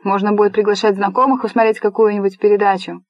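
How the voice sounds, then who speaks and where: A woman reading a storybook voices a brash, rude young man who talks loudly and bluntly, bossing his family around. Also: medium pitch, flat delivery, fast talker, no room sound, lo-fi sound, natural voice. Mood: eager. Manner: loud, blunt, bossy.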